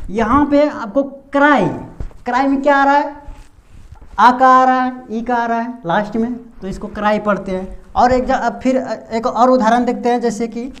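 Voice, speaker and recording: A man giving a whiteboard pronunciation lesson as an English teacher, asking rhetorical questions and repeating sounds. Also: very high-pitched.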